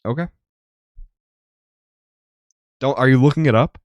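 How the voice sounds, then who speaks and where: A man's voice: mid-range voice, rapid-fire, no room sound. A young man co-hosting a podcast, chatting casually and rambling with lots of ums. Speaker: podcast co-host. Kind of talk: casual chat.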